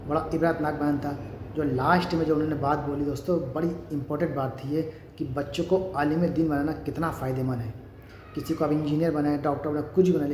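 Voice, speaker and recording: Guy hosting a reaction video, slightly high voice, echoey room, faint hiss behind. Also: darkish tone. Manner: earnest, repeats himself, addresses viewers as friends. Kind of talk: casual commentary.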